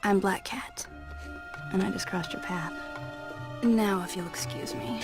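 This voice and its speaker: An actress playing a sultry, teasing, confident cat burglar in a video game, with a purring, unhurried delivery. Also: female voice, medium pitch, over music, close to an everyday voice. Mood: playful.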